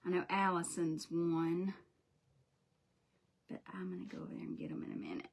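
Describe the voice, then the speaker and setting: A woman's voice: on the low side, steady tone, normal speed, creaky, breathy edge. A woman chatting folksily on a livestream while she paints, greeting viewers by name. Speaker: craft livestream host.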